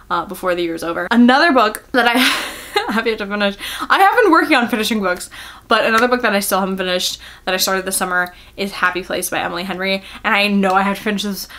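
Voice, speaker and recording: Giggly and self-deprecating, a young woman rambles through a casual, chatty book vlog. Her voice is mid-range with a bit of brightness.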